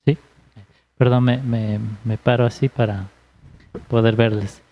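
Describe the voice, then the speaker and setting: A man's voice: mid-range voice, fairly even intonation, measured pace, dull audio. A man in a church group standing up to speak, polite and hesitant, away from the microphone. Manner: hesitant, polite question from the floor. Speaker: group participant. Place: meeting room, standing away from mic.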